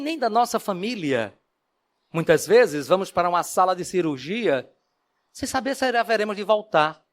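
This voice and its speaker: A Brazilian man giving a lively religious lecture, his high voice swinging widely as he tells a fable. He keeps asking the audience questions and clears his throat now and then. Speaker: Spiritist lecturer.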